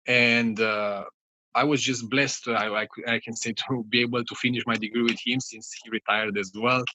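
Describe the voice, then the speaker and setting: A man in his thirties from Romania with a Romanian accent, a pianist giving halting interview answers full of fillers and restarts. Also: mid-range voice, steady tone, sharp tone, dry recording, low-quality recording. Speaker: guest pianist.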